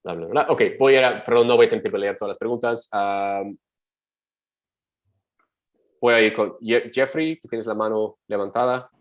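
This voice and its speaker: In a live webinar, a man who advises on migration reads out viewer questions and answers them quickly, thinking aloud. His voice is lowish and the audio sounds dull.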